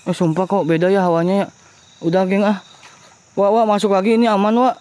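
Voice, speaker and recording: A man's voice: high voice, flat delivery, brisk, a little mellow. A nervous man, exploring a forest for a live horror vlog. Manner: nervous, jumpy, keeps calling for his crewmate. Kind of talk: live ghost-hunting vlog. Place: forest outdoors at night. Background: crickets and insects.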